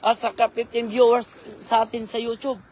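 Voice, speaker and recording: A hoarse man doing casual live-stream commentary on a night fishing trip, giving shout-outs and spelling names for viewers. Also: very high-pitched, completely flat delivery, normal speed, a little hiss or hum. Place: outdoors at night by the water.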